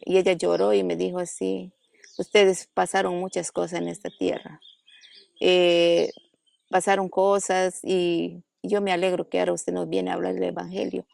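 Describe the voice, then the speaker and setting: Gravelly low-voiced woman pastor telling testimony. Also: completely flat delivery, normal speed, darkish tone. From Amazon jungle region. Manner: storytelling that acts out quoted dialogue. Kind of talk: testimony in an interview. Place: a family house in an Amazon jungle village.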